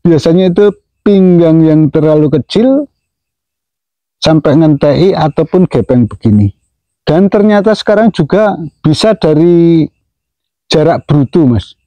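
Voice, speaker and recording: A man's voice: on the high side, lively intonation, a little slow, pauses often, dark tone, no room sound, rough recording. A man casually explaining pigeon racing, mimicking the whoosh of wings and chuckling now and then. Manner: imitates whooshing wing sounds, chuckles often. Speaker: pigeon keeper explaining to viewers.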